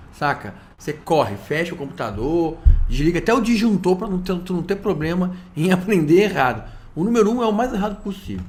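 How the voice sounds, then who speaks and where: A man teaches trading in a loose, chatty video lesson, full of slangy asides and stories. His voice sits fairly high for a man. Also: a little mellow, slight background noise. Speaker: trading instructor.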